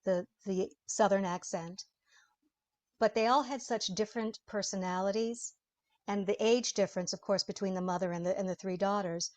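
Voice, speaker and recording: Chatty woman voice actor explaining her craft. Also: medium pitch. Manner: chatty, explanatory, laughs often. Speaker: voice actor guest. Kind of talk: interview conversation.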